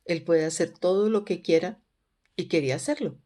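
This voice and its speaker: A woman teaching a Bible study in an earnest, measured way, often posing questions to her listeners. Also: fairly low pitch, dark tone.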